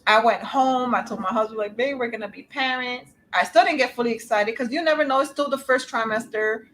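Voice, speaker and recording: A woman hosting a podcast, telling a personal story in a casual, animated way and acting out the dialogue. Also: fairly high pitch, a little fast, a little hiss or hum. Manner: animated, acts out dialogue, laughs easily; addresses a live chat. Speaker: podcast host.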